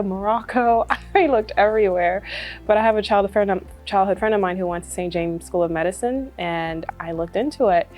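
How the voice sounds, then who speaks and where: A Congolese medical student in her twenties gives a testimonial interview, chatting casually with lots of fillers and frequent laughter. Her voice is medium-pitched and somewhat dark. Faint music plays behind her.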